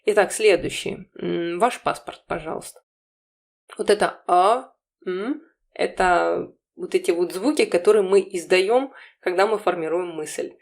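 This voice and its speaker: A woman with a slightly low voice hosts an informal language lesson. She explains as a teacher does, repeating phrases and translating them step by step. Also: measured pace, vocal fry. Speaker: English teacher, channel host.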